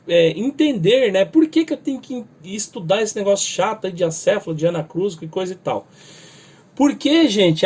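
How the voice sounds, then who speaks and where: A man with a Brazilian Portuguese accent gives a spoken music theory lesson in a high, slightly mellow voice with a breathy edge. He explains step by step, adding "tá?" and "né?" after nearly every phrase. To show stress, he sings or slowly spells out lyrics.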